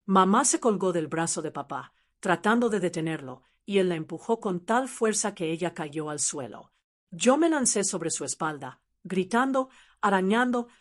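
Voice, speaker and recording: A woman reads a scripted first-person family drama aloud. Her voice sits at a medium pitch. She tells it in a dramatic, even storytelling manner.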